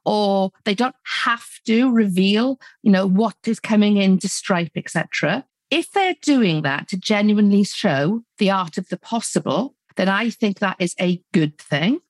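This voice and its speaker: Steady, self-assured woman guest. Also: mid-range voice, measured pace, hardly any pauses, no echo. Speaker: podcast guest, money coach. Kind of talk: conversational interview.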